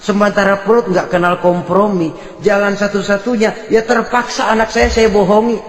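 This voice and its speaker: A man voicing a poor, desperate mother, speaking soft and plaintive. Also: high-pitched, flat delivery, moderate pace, natural voice. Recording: reverberant hall.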